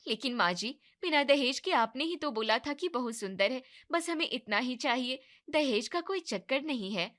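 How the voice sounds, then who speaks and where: A woman voicing a gentle, timid young daughter-in-law in an animated family drama, speaking in a polite, pleading way. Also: sits high, moderate pace, hardly any pauses. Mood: hurt.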